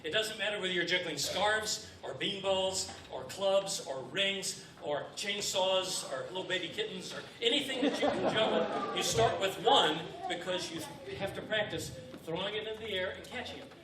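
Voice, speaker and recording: A man's voice: sits high, normal speed, hardly any pauses. A man performing live comedy juggling and magic on stage, with the playful, feignedly befuddled patter of a kids party magician, in a noisy, echoey recording from far off. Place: stage before a live audience.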